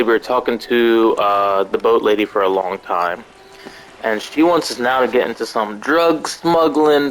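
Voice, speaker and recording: A man hosting a casual video game playthrough, chatty and slangy, thinking out loud as he plays. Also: lowish voice, slight background noise, rough recording. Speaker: gaming channel host. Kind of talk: casual let's-play commentary. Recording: gameplay commentary with faint music behind.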